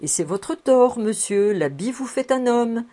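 A woman's voice: a little high, animated, unhurried, dark tone, pitched above the performer's own voice. A woman voicing a fussing, cheerful old housekeeper in her sixties who chuckles as she coaxes. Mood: coaxing. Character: cheerful old female housekeeper, sixty-four, toothless.

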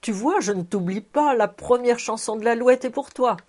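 A woman voicing a warm, devoted wandering fiddler who speaks in a simple, affectionate way. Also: fairly high pitch, normal speed, voice pushed up, natural voice.

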